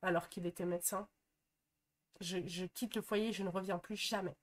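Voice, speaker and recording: A woman's voice: on the low side, fairly even intonation, moderate pace. Sarcastic woman reacting to a show. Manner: sarcastic and chatty. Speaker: reaction video host. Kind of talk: casual reaction commentary.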